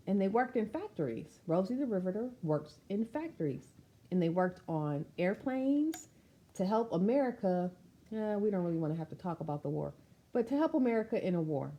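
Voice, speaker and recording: Reading a kids' picture book aloud, this storytime reader speaks expressively and straight to her young audience, adding chatty side comments. Her voice is mid-range and mellow.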